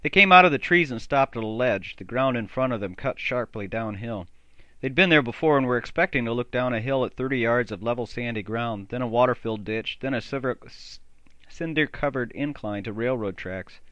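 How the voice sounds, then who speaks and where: Bright-voiced male audiobook narrator, dry and lo-fi. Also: brisk, no room sound. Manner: raises pitch and volume for dialogue.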